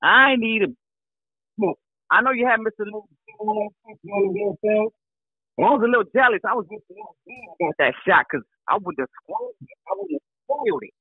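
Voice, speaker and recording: A man calling in to a show on a muffled phone line that sounds like it comes through a wall, loud and hyped as he shouts people out. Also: high voice, lively intonation, fairly quick, husky, dry recording. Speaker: caller. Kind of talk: casual call-in chat.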